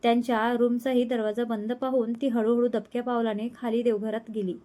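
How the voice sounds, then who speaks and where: A woman storyteller narrating a romance serial in a gentle, even manner. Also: fairly high pitch, a little fast.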